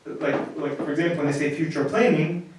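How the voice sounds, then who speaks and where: A priest with a fairly high voice gives a marriage lecture in a plain, conversational way, restarting and repeating words as he goes. He is heard from well off the mic, and his voice bounces around a very echoey room. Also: little pitch movement, a little fast, a little mellow, far from the mic, slight background noise. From United States.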